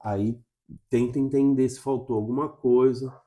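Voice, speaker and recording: Brazilian male teacher, warm mellow tone, direct-to-camera coaching delivery. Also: mid-range voice, fairly even intonation, measured pace. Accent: Brazilian Portuguese. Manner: coaching, checks in with frequent "tá?". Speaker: English teacher.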